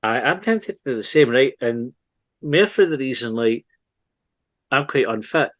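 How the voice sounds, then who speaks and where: A man's voice: mid-range voice, expressive, unhurried, no echo. A Scottish man co-hosting a comedy podcast, chatting casually with lots of swearing and rambling asides. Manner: sweary, rambling, easily breaks into laughter. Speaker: podcast co-host.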